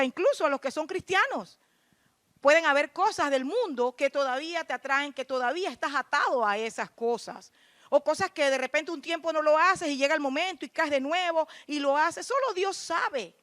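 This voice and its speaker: A woman's voice: high-pitched, a bit bright, no echo. A woman deaconess preaching a sermon, fervent and emphatic, asking rhetorical questions and answering them herself. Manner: fervent, rising to emphatic declarations.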